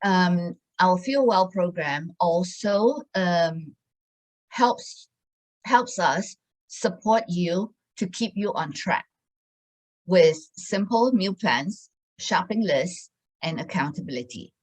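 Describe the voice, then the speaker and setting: A woman in her sixties presents a wellness program in a casual sales talk, her fairly low voice animated but slow. She hesitates often, with many fillers and restarts, and the recording quality is low.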